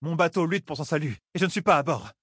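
A man's voice: on the high side, lively intonation, quick pace, a bit bright, husky, no room sound, clean studio sound, pitched above the performer's own voice. A man doing a brusque woman sea captain. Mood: urgent. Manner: urgent, brusque.

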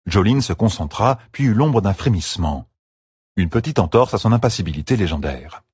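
A male audiobook narrator with a low, husky voice who reads in an even, measured way. The close studio mic captures a dry sound with no room around it. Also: dry recording. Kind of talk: scripted narration.

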